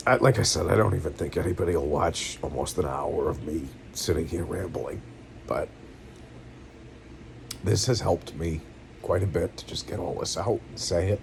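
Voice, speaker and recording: A middle-aged man with a New England accent, venting his feelings in a halting, rambling way, tired and close to tears. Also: deep voice, vocal fry, a little hiss or hum. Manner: halting, rambling, tearful and earnest. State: weary and in pain, close to tears. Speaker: vlogger. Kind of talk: emotional personal venting. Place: at home, seated.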